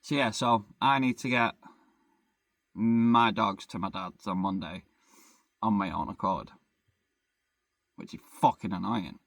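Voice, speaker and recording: The clean, dry studio sound captures a young man's low-leaning, creaky, fairly bright voice, moving at a measured pace with long pauses. He's a vlogger living in a van, rambling casually, swearing freely and joking about himself.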